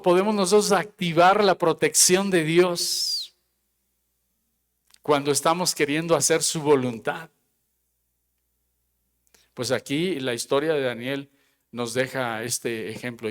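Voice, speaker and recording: A man preaching, his voice pitched a little high and his delivery slow and deliberate. He reads scripture aloud and then works through it with rhetorical questions. His words trail off into the long reverb of a church hall. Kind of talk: sermon. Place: church sanctuary.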